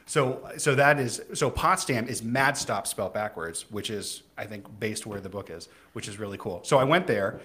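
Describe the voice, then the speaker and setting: A man's voice: lowish voice, fairly bright tone. A young adult man from New Hampshire, a guest chatting casually and laughing easily in an interview. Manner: quick, upbeat, laughs easily.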